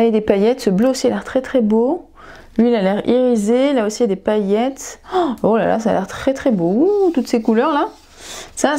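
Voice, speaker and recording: A woman's voice: a little high, dark tone. A young woman vlogger chatting casually as she unboxes and reviews nail products, gushing with enthusiasm. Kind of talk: casual haul unboxing vlog.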